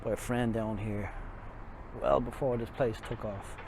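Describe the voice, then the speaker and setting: A man's voice: mid-range voice, steady tone, unhurried, creaky. An Irish man giving a casual, rambling, self-deprecating walking tour commentary outdoors, speaking through a face mask. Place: outdoors on city streets by a river. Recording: noisy outdoor street, traffic ambience. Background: street and vehicle noise.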